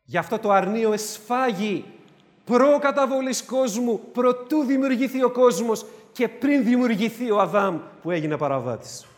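Man preaching, high voice, emphatic repetition, long church echo. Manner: emphatic, repeats key phrases for effect. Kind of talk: sermon.

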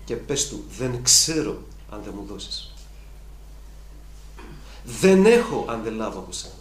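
A man's voice: fairly low pitch, sing-song. A man preaching a sermon, emphatic and repetitive, building to fervent peaks. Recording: echoey room with faint ambience.

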